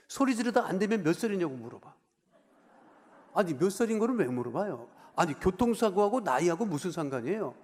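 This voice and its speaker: High-voiced pastor preaching in a reverberant church. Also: male voice. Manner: conversational preaching, asks the congregation questions; swings between raised emphasis and quiet asides. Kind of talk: sermon. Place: church sanctuary. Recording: long reverb of a large church hall.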